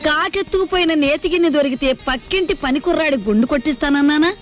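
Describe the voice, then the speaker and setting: A woman's voice: sits high, quick pace, music in the background, close to an everyday voice. An actress playing a pious old grandmother who scolds her family sharply. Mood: scolding. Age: older.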